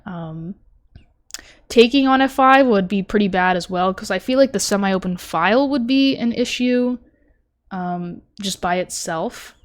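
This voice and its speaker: A woman's voice: medium pitch, unhurried. A young woman streaming, chatting casually as she reviews her tournament chess game, thinking aloud with lots of fillers and self-deprecating asides. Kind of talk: casual live-stream commentary.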